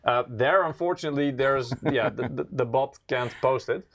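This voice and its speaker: A man co-hosting a casual livestream, relaxed and teasing, often restarting his words. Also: mid-range voice, moderate pace. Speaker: co-host.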